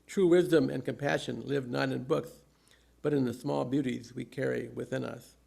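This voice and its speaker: Gravelly older man preaching with gentle humour. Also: medium pitch, fairly even intonation, moderate pace. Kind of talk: humorous sermon with anecdotes, read from notes.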